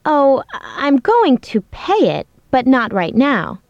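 A young roommate in a language-course dialogue, voiced by a woman, clear and expressive. Her voice is fairly high and her pitch moves a lot. The recording is dry and a little muffled. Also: a little slow, no echo. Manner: expressive, clear scripted delivery. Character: young woman roommate explaining unpaid bills.

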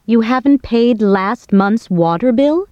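A young woman in a recorded language-course dialogue, played by a woman, speaking in clear, careful everyday speech. Her voice is a bit high and warm and mellow. The recording is dry and somewhat dull. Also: big pitch swings, normal speed, no room sound. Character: young woman chatting about bills with her roommate.

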